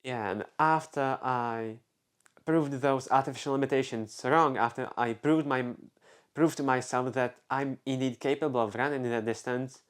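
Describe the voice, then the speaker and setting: A young Czech man with a Czech accent tells a casual personal story on his vlog, rambling, restarting and padding with "like." His medium-pitched voice moves at a moderate pace and sounds clean. As a vlogger in young adulthood, he keeps interrupting himself and leans on plenty of fillers.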